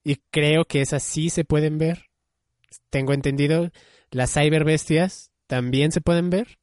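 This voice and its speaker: A man's voice: fairly high pitch, steady tone, measured pace, a little mellow, dry recording. Musing man, dry close mic. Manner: musing, hedging, many fillers. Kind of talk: casual chat about anime.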